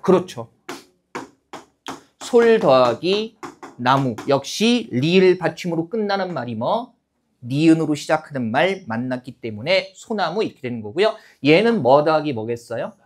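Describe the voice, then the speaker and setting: With a fairly high voice at normal speed and slight background noise, a man in his fifties teaches a room of exam-takers. He chats animatedly, checks in with the class, and mimics students in put-on voices.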